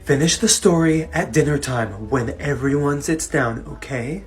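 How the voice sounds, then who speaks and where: A man voicing a mother who quietly stops her child's story. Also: fairly high pitch, unhurried, soft background music, close to an everyday voice. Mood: hushing.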